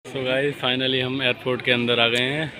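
A man's voice: medium pitch, little pitch movement, normal speed, noisy background. A young man casually vlogging, chatting and laughing with friends, first by a road and then inside an airport terminal. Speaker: travel vlogger. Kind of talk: casual travel vlog.

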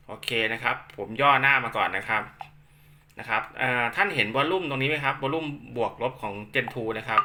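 A man's voice: mid-range voice, pushed and bright, slight background noise. A man giving a casual hands-on tutorial, explaining step by step as an instructor. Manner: repetitive polite particles, hands-on explaining. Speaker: instructor demonstrating equipment.

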